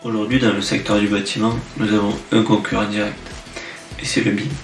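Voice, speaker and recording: Flat, low-voiced young man in a roomy space. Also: distant mic, faint music behind. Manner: measured, explanatory. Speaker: student presenter. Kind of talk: project presentation. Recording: roomy, off-mic.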